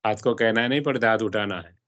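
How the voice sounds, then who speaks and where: A spiritual teacher explains a religious text to a small class in a fairly quick, somewhat low voice with a bit of brightness and no echo. He often puts questions to his listeners and mixes English words into his speech.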